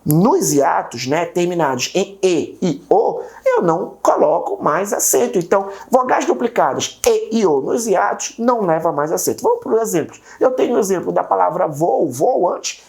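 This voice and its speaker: Brazilian woman teaching, lively low voice. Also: moderate pace, few pauses. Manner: asks and answers own rhetorical questions; repeats key rules, checks in with viewers. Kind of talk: exam-prep grammar lesson.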